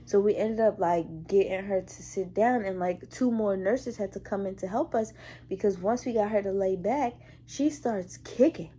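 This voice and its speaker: Brief: young woman, hospital care worker, lively slangy storyteller, mid-pitched. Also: moderate pace, a little hiss or hum. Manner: animated, colloquial storytelling. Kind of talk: casual story-time vlog.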